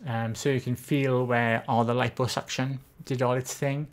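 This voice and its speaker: With a medium pitch that barely moves and a moderate pace, a streamer from Wales talks casually in a Swansea accent. They read the chat aloud and keep joking at their own expense.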